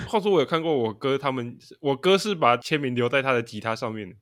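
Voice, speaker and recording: Telling stories on a laid-back podcast he co-hosts, a young man talks quickly in a fairly bright, medium-pitched voice. Laughter frequently breaks into his sentences.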